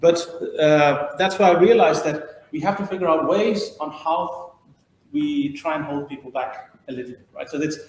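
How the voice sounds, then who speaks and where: A man's voice: fairly high pitch, expressive, moderate pace. A middle-aged man who grew up in India, giving a training lecture and explaining his ideas as he thinks them through. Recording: roomy echo.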